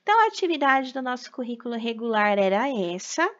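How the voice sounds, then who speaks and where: High-pitched lady teacher going over a kids' lesson, keeps asking "ok?", kinda muffled lo-fi audio. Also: sing-song, fast, fairly bright tone. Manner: explanatory, frequent tag questions. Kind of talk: recorded class lesson for children.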